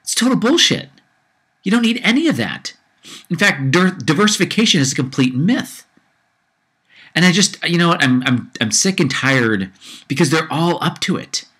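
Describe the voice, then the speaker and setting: Fairly high and swinging widely in pitch, this man's voice moves at normal speed with a fairly bright, slightly rough tone. He's a podcast host ranting casually on his own, getting hotter and repeating himself, with a slight low-grade cold.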